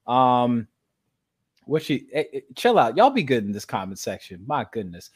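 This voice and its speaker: An American man with a mid-range, slightly breathy voice hosts a livestream dialogue show at a moderate pace. He chats casually, slangy and joking, and gets animated when quoting other people.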